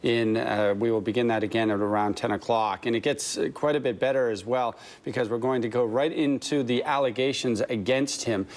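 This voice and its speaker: A man anchoring a morning business news show, delivering updates in a measured, fluent way. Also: mid-range voice, steady tone.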